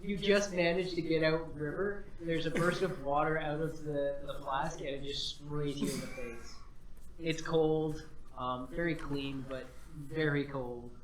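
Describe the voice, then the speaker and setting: A man's voice: a little high, steady tone, a little slow. A man acting as game master, casually narrating a tabletop game and calling for checks. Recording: echoey room with people chattering.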